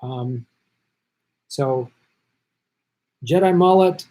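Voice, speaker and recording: A middle-aged man with a medium-pitched, dark voice hosts a live stream, chatting casually and reading viewer comments. He's losing his voice and jet-lagged, but stays chatty, thanking viewers by name and tossing in quick asides.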